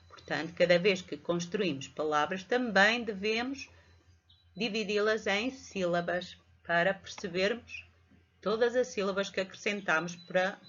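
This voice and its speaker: A woman's voice: mid-range voice, a bit bright. A middle-aged woman with a European Portuguese accent teaching a reading lesson to young children, patiently spelling out syllables. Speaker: primary school teacher. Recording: dull lo-fi home recording.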